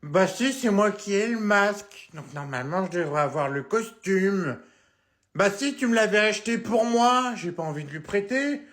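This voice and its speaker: A man puts on a little boy's voice, high and thin, for a comedy skit. The child whines and pleads like a sulky youngest brother. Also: animated, moderate pace, a bit bright. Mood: whining. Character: whiny sulking little boy, youngest brother.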